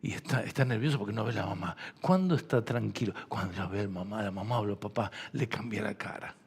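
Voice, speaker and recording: A male pastor with a Rioplatense accent preaches a sermon in a husky, gravelly voice. He speaks softly and gently, then builds to loud, fervent preaching. His voice carries a long reverb from the church hall. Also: lowish voice, fast. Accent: Rioplatense Spanish. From Argentina.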